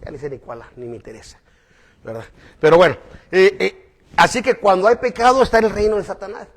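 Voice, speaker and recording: High-voiced preacher, conversational sermon. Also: male voice, fairly quick. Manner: conversational preaching, asks "¿verdad?" often; swings between raised emphatic lines and quiet asides.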